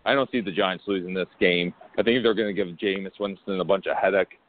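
A man's voice: low-pitched, fairly even intonation, fairly quick, a little hiss or hum. A man co-hosting a sports talk show, hesitant and repeating words as he gives his picks. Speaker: sports radio co-host. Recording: phone-like line.

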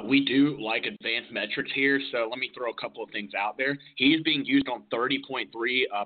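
Stat-heavy man on a tinny line. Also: medium pitch. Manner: stat-heavy, analytical, with frequent "uh" fillers. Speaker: podcast co-host. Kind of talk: casual sports talk podcast.

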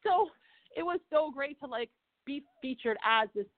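A woman, an actress and stunt performer, telling animated stories from film sets in a casual interview, swearing and acting out quotes. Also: high voice, normal speed, dry recording. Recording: dry thin phone-like sound.

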